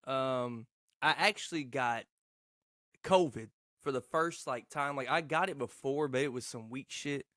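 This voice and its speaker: A man's voice: mid-range voice, measured pace, fairly bright tone, no room sound, studio quality. A man, hosting a casual, rambling solo podcast in a profane, slangy, boastful yet self-deprecating way. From Texarkana, United States. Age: 20s. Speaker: podcast host.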